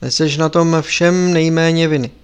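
A man doing a stern elderly lama, solemn, commanding, slightly high voice. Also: fairly even intonation, smooth, natural voice.

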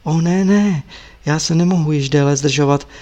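A man voicing a humble, eager young male disciple who speaks softly and gratefully. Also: on the high side, dull audio, close to an everyday voice. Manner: soft, hushed, grateful.

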